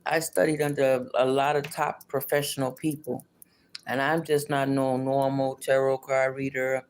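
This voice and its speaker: A woman's voice: rumbling low, little pitch movement, normal speed, a little hiss or hum. A middle-aged or older woman with toothless, slightly slushy articulation, chatting casually as she reads tarot on a livestream and repeating her phrases. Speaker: tarot card reader.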